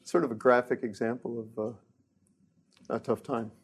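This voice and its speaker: A man's voice: mid-range voice, steady tone, unhurried, husky. A middle-aged man, a research engineer, giving a casual technical lecture with joking asides and frequent restarts.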